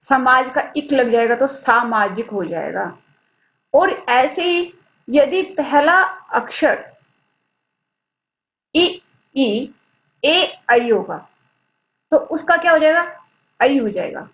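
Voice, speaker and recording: A woman teaches a grammar lesson in a fairly high voice and speaks very slowly and deliberately. She asks her pupils questions and then answers them herself. The audio is dull and lo-fi. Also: animated, fairly bright tone. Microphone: screen-recorded lesson.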